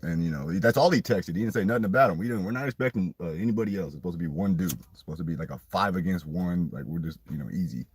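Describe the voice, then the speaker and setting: A deep, husky man spins a rambling, profane story in a casual chat. His low voice has a rough, breathy edge. The sound is dry and close, with no room around it. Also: rapid-fire, few pauses, no room sound. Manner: rambling, profane, animated retelling. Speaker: podcast storyteller.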